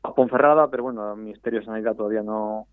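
A man's voice: fairly low pitch, fairly even intonation, rapid-fire, no echo. Man talking over a tinny landline phone. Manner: hesitant, often repeats and restarts words. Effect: heard over a landline phone. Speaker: supporters' club federation president, phone guest. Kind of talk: radio phone interview. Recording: tinny, dry phone line.

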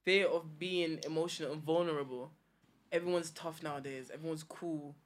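A woman's voice: sits low, steady tone, moderate pace. Podcast guest: young woman, London accent, casual, opinionated, earnest, slang-heavy conversation. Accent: British, London. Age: young adult.

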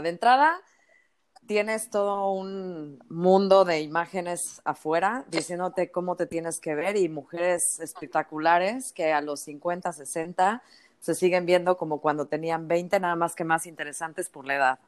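Low-voiced woman chatting candidly. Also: a little slow. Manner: candid, reflective, quotes friends. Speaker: guest. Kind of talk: casual conversation.

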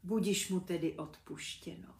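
A woman reading aloud voices a flirtatious female water ghost, speaking slowly and coquettishly. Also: lowish voice, a little mellow, lightly acted. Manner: slow, coquettish, drawn-out. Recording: roomy echo.

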